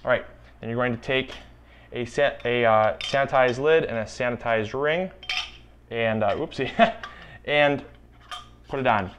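Wearing a lapel mic in a home kitchen, a gardening channel host in his twenties walks viewers through canning in a casual cooking demonstration. His mid-range voice has a fairly bright tone and moves a little slowly with frequent pauses, over a faint hiss or hum. He's chatty and instructive and makes a point of repeating key warnings.

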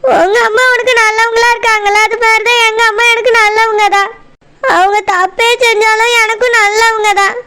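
A woman's voice: very high voice, flat delivery, moderate pace, background noise. A woman voicing a young wife who sobs and complains bitterly about her husband, in a Tirunelveli Tamil accent. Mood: sobbing. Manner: sobbing, resentful complaints.

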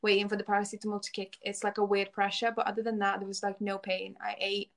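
A woman's voice: medium pitch, completely flat delivery, fast, gravelly, fairly bright tone. A woman in her twenties, originally from Lithuania, whose English carries a semi-Scouse twang, chatting casually as an interview guest and filling her speech with "like". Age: 20s. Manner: chatty, laughs often, peppered with "like". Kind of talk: casual chat.

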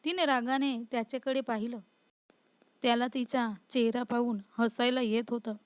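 A woman reads a love story aloud in a steady storybook manner. Her voice is slightly high and dry, with no room sound. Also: normal speed, smooth, no room sound.

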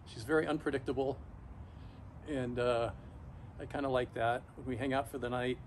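A middle-aged man talking casually and haltingly to camera outdoors, shivering in ice-cold water, pausing often mid-thought. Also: medium pitch, steady tone. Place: backyard, outdoors, in an ice bath. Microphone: camera a few metres away. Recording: noisy outdoor recording, ambient hum.

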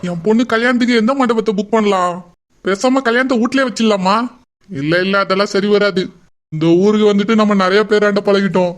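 A man's voice: high-pitched, fairly quick, faint music behind, natural voice. A man voicing a worried middle-aged father in a cartoon, muttering and fretting over his daughters' weddings. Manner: fretful muttering to himself. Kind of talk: cartoon voice acting.

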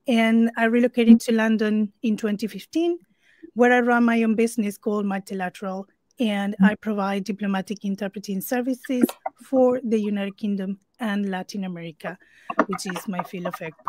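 This woman from Argentina, a native Spanish speaker, interprets into English during an earnest conference talk held over a video call. Her voice is medium-pitched, steady, and slightly mellow at a normal pace, and she uses fillers and restarts.

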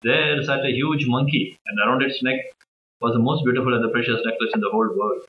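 A man reading a children's story aloud in a halting, uneven way. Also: medium pitch, fairly even intonation, roomy sound, dull audio. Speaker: storybook reader.

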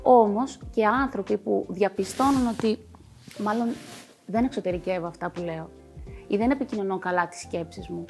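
A woman's voice: medium pitch, creaky, darkish tone, soft background music. Greek woman voice coach explaining. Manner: explanatory, with frequent fillers. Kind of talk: TV talk show interview.

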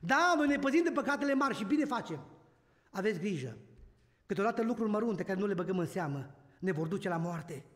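A man's voice: high voice, expressive. A man preaching a sermon, telling a family story with his voice rising and falling. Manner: storytelling preacher, voice swelling and dropping. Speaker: pastor. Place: large church hall. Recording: long church reverb.

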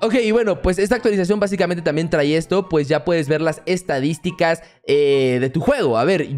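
A young man from commenting on his gameplay with excitement, talking straight to his viewers. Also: high-pitched. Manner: excitable, addresses viewers as family. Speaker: gaming YouTuber.

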